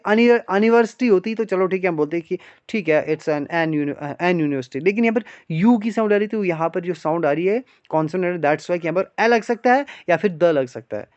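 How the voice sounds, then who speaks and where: A man with a fairly high voice teaches English grammar to exam aspirants, explaining one step at a time. He keeps asking his class rhetorical questions and calls them "guys." The recording is dry and a little dull. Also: darkish tone, no echo. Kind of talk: classroom lecture in Hindi mixed with English. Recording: dry, slightly dull online lecture audio.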